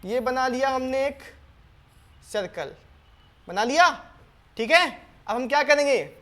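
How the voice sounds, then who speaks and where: A man's very high, expressive and somewhat bright voice leads a step-by-step maths lesson for board exams. He slowly reads the English question word by word, then quizzes his students and supplies the answers himself. He repeats the key steps and gently coaxes them, addressing them as "beta."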